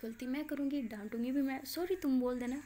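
A woman's voice: high-pitched, a little fast, mellow, slight background noise, close to an everyday voice. A woman voicing a bossy young woman who scolds and teases her friend. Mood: teasing. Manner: teasing, scolding.

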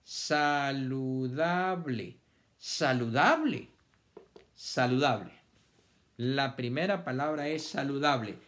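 A man's voice: mid-range voice, big pitch swings, measured pace. A man teaching a children's vocabulary lesson, stretching words out syllable by syllable and repeating them for the class to copy.

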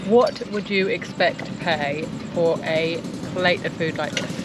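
A woman in her forties vlogs outdoors, offering casual travel commentary on streets and at a marina. Her voice is lowish and a little slow, and the noisy recording picks up street and vehicle sounds.

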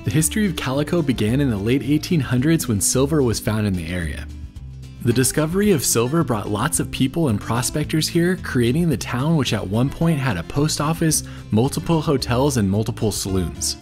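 A man in his thirties narrating a travel vlog, filming himself outdoors in the desert with the camera held at arm's length, upbeat and informative and quick to laugh. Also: medium pitch, lively intonation, a little mellow, faint music behind. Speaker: travel vlogger.

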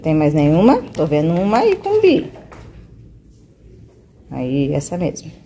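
Patient woman teacher, slightly low voice. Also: huge pitch swings, mellow, a little hiss or hum. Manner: patient, coaxing, drawn-out syllables. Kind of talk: one-on-one literacy lesson.

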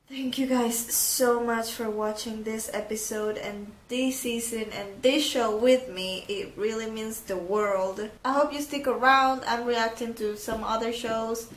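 A woman's voice: fairly high pitch, fairly bright tone, roomy sound. A woman in her twenties giving casual, emotional reaction commentary with lots of exclamations. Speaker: reaction video host. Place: small bedroom, indoors.

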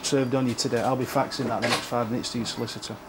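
A man working as an immigration officer, speaking calmly and procedurally in an office, with some fillers. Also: mid-range voice, over a noisy crowd. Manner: brisk, calm and procedural, with fillers. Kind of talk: interview and on-duty talk. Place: office in a reporting centre. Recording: noisy location sound.

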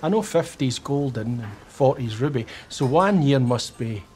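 An actor playing a deadpan, needling older man with a Scottish accent in a sitcom. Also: mid-range voice, moderate pace, lightly acted. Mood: wry. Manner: wry, deadpan. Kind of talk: sitcom dialogue. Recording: clear background noise, room ambience.

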